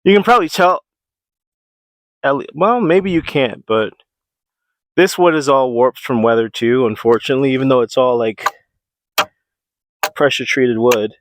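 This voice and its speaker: A man's voice: mid-range voice, normal speed, long pauses, no echo. Guy rambling to himself doing yard work outside, breathing hard, dry close mic. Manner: rambling, thinking aloud with fillers. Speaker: homesteading vlogger. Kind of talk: casual talk while working. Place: outdoors at a homestead. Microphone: small clip-on mic close to the mouth.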